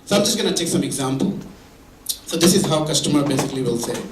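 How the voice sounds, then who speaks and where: A presenter at a mentoring event speaks fast in a fairly high, lively voice, his words echoing around a meeting room or hall as he's recorded from far off. He explains using examples and keeps restarting in this conversational presentation. The background is noisy.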